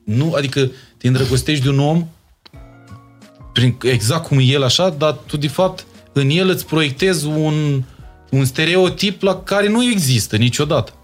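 Soft music plays behind this young interview guest, whose slightly high voice carries a Moldavian Romanian accent. Talking casually, he emphasizes what he says by repeating words.

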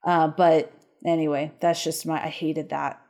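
A woman's voice: deep voice, little pitch movement, a little slow, mellow. A woman co-hosting a podcast in casual chat, rambling and swearing freely. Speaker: podcast co-host.

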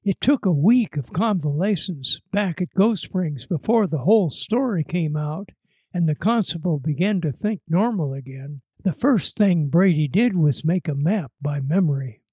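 A man telling a frontier tale aloud in a dramatic, lively storytelling manner. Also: a little high, normal speed, breathy edge, dry recording, lo-fi sound. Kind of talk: told tall tale.

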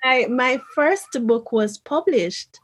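A woman's voice: high voice, animated, slow, husky. A woman from Jamaica, an interview guest and author, telling her story in an earnest, reflective way. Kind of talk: conversational interview.

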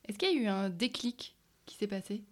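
A woman asking podcast interview questions in a clear, direct way. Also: mid-range voice, expressive, brisk.

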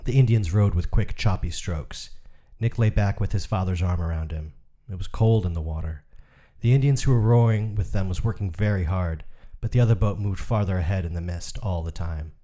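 A man narrates a literary story in a measured, even way. His voice is very low and sits on the dark, mellow side. He reads without hurry.

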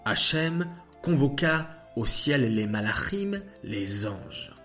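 A man telling a religious story to children, animated and asking the listeners questions. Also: medium pitch, takes it slowly, faint music behind.

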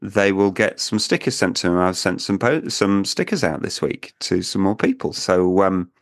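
Podcast co-host, male, low-pitched, dry studio sound, easygoing and laughing. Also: expressive, moderate pace, dry recording. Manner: laughs often, reads out listener messages. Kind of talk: casual chat.

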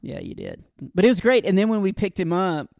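A middle-aged man hosting a comedy podcast, telling stories in a lively, teasing way and laughing often. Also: high voice, brisk, gravelly, dry recording, clean studio sound. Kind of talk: casual comedic banter.

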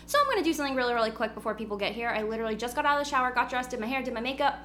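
Her voice fairly high, pushed, and bright, a twenty-something woman talks very fast and animatedly on a casual podcast recorded at home before a party. She giggles and rambles in a bubbly manner amid noisy electrical hum.

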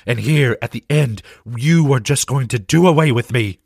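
A man's voice: mid-range voice, moderate pace, vocal fry, husky, no echo, clean studio sound, pitched above the performer's own voice. A man doing a furious betrayed young knight. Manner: shouting, strained.

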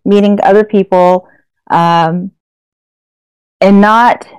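A young woman co-hosting a podcast, her voice mellow and smooth. She chats loosely, with frequent fillers and self-corrections. The recording is dry and close. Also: on the low side, no echo, rough recording. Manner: chatty, with frequent fillers and restarts. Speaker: podcast co-host. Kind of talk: casual podcast conversation.

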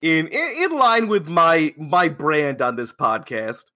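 A man's voice: on the high side, lively intonation, slow, pushed and bright. A man co-hosting a comedy podcast, reading his own crude story with sarcastic asides.

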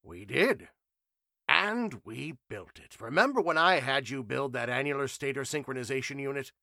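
A man voicing a jubilant, excitable eccentric male professor in a storybook reading. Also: mid-range voice, moderate pace, gravelly, dry recording, studio quality, pitched above the performer's own voice. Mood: enthused.

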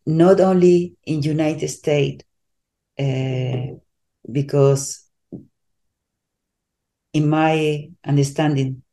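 Spanish-accented woman coach, slow and halting, warm mellow tone, casual interview guest. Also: low voice, fairly even intonation. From Spain. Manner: halting, searches for English words, many restarts.

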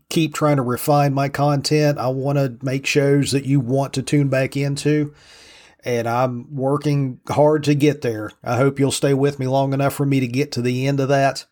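A man's voice: mid-range voice, darkish tone. A man with an Appalachian-style Southern US drawl, hosting a casual solo podcast in a humble, self-deprecating way. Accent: Southern US hillbilly drawl, Appalachian-like.

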